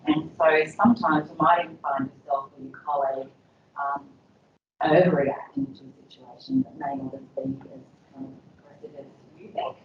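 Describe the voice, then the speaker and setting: A woman gives an educational session to health staff in a chatty, conversational manner, often saying "um" and "you know." Her voice is low-pitched and steady at a normal speed. The mic is distant, and the dull, echoey room audio carries a little hiss or hum.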